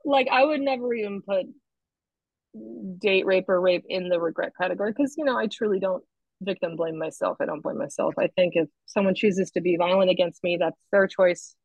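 A woman comedian chatting as a guest on a podcast, animated and laughing at her own jokes. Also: lowish voice, brisk, gravelly, no echo. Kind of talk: casual podcast chat. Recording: dull lo-fi podcast audio.

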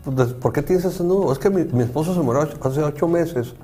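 A man's voice: a little high, a little fast, warm tone, soft background music. A man, a psychology professor, talking earnestly and acting out what people said to him. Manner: earnest, explanatory, acts out dialogue. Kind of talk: conversational talk show.

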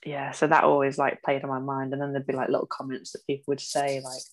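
A woman's voice: extremely low pitch, monotone, fast talker. A woman, a podcast guest talking openly and with self-deprecation, often trailing off. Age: 20s. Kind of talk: casual chat.

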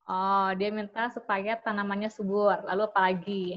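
A woman's voice: medium pitch, little pitch movement, moderate pace, highs cut off. Chatty woman telling a myth to friends. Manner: chatty, with many "gitu kan" fillers and restarts. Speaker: community session host and storyteller. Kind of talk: casual storytelling talk to a group.

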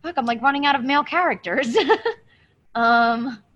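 A woman's voice: sits high, steady tone, normal speed, fairly bright tone, lo-fi sound. A woman guessing movie quotes in a casual chat, giggling and swearing casually. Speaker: quiz game player.

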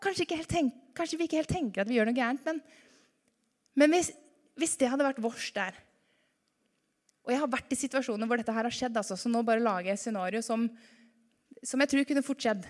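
A woman preaching a lively sermon to her congregation, full of rhetorical questions. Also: on the high side, long pauses. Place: church hall. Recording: reverberant church hall.

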